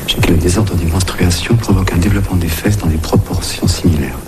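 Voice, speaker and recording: Actor doing a cold clinical lecturer guy, very deep voice, talks fast, loud music under it. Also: fairly even intonation, natural voice. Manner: detached, clinical. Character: man lecturing coldly on anatomy.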